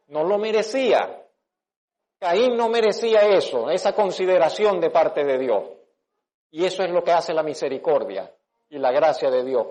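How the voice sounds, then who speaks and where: A man's voice: fairly high pitch, a little mellow. Conversational man pastor preaching. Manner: conversational preaching with restarts and rhetorical questions. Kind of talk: sermon.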